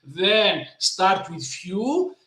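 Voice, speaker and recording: A man from Portugal, a guest in a casual interview, speaking halting English and searching for his words. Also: high-pitched, very animated, sharp tone. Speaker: guest, lean consultant. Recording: roomy echo.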